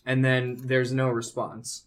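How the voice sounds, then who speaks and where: A man narrating a tabletop game as game master, improvising descriptions and pausing to find his words. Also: mid-range voice, level tone.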